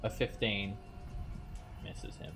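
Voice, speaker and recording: A man's voice: slow, a bit bright. A man casually narrating a tabletop fantasy game as game master. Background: music.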